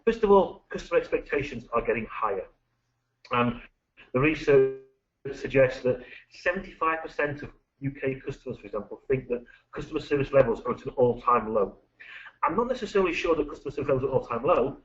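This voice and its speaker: A man's voice: medium pitch, fairly quick. British man presenting a business webinar. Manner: lively, anecdotal, punchy delivery. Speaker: management consultant presenting a webinar. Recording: dull lo-fi recording.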